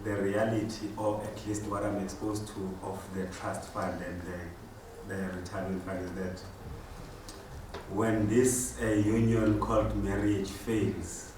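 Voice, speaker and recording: A man's voice: on the low side, level tone, measured pace. A man in a class asking a question, hesitant and stumbling over his words. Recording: distant, echoey, noisy room sound.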